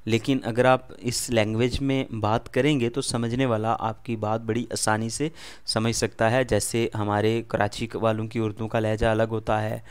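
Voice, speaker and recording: A man's voice: on the low side, little pitch movement, moderate pace, smooth. A man whose first language is Urdu, speaking with an Urdu accent as he teaches a beginner language lesson, patiently repeating words and quizzing the listener.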